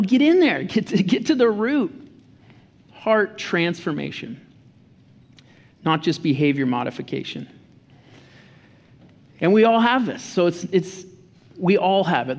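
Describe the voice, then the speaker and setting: An earnest man in his thirties delivers a sermon in a church. His voice sits high, and he often circles back and repeats a word before pressing on. The sound rings out with the long reverb of a large hall. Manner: earnest, restarts and repeats words. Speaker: pastor.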